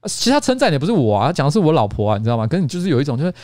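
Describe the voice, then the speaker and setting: A man's voice: on the high side, sing-song, racing, darkish tone, dry recording, studio quality. A man in his forties with a Taiwanese Mandarin accent, hosting a casual livestream chat and rambling with many restarts and repeats. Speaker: podcast host. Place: office studio.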